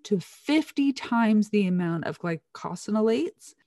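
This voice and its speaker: A woman's voice: medium pitch, lively intonation, unhurried, warm tone, no echo, clean studio sound. A woman co-hosting a casual science chat, eagerly explaining nutrition research in detail.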